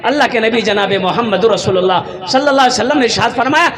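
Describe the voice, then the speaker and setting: A man from India preaching a sermon. He asks rhetorical questions and answers them himself, repeats emphatic phrases, and swings between raised, impassioned delivery and quiet storytelling. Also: extremely high pitch, quick pace. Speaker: Islamic preacher. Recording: live gathering with audible crowd.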